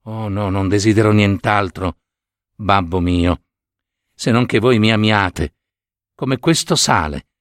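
A man voicing a humble, kind young princess in a storybook reading, speaking gently and pleadingly. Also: fairly low pitch, slow pace, long pauses, dry recording, clean studio sound, pitched below the performer's own voice. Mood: gentle.

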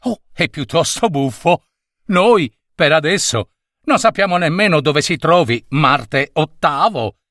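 A mild middle-aged professor answers with slow, wry irony, as a man puts him on. The voice sits lower and softer than the narrator's own. It is recorded close and dry. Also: expressive, no room sound.

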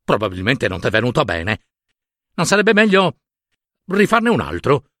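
A man's voice: mid-range voice, wildly swooping pitch, moderate pace, sharp tone, no echo, studio quality. A man voicing a rude, blunt duck in a storybook tale, talking dismissively. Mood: scornful.

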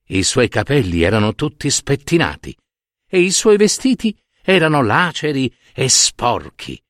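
A man reading a Christmas fairy tale aloud, tender and expressive. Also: medium pitch, measured pace, no room sound, studio quality. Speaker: storyteller. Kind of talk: storybook narration.

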